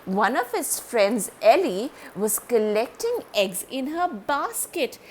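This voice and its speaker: A woman reading a children's story aloud, animated and speaking directly to young listeners. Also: fairly high pitch, slow pace, slight background noise.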